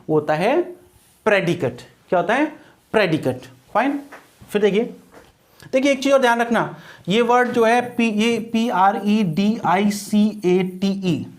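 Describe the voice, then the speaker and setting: A man with an Indian English accent, teaching a grammar lesson to exam students, repeating each point and asking the listener questions. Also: high voice. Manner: explains patiently, repeats points and quizzes the listener.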